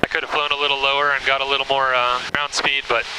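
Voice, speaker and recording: A man's voice: medium pitch, flat delivery, fast talker. A man piloting a small plane, talking as a pilot over the radio and casually to himself from the cockpit. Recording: noisy cockpit, engine and radio sound.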